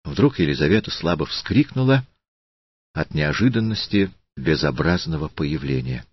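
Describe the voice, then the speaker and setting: A man reading a literary audiobook in a slow, deliberate, solemn manner. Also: rumbling low, expressive, breathy edge, dry recording, dull audio. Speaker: audiobook narrator.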